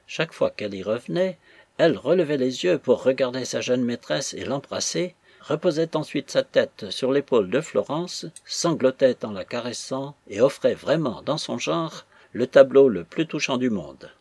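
A man narrating a novel chapter in a measured storytelling manner. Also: medium pitch, animated, darkish tone, husky, no echo. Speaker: audiobook narrator.

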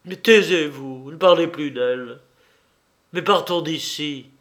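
A frail, desperate young man in an audiobook, pitched a little high and pressing every word as he begs, as a man reading aloud puts him on. His voice rises in urgent, imploring bursts, slower and more weighted than ordinary talk. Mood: pleading.

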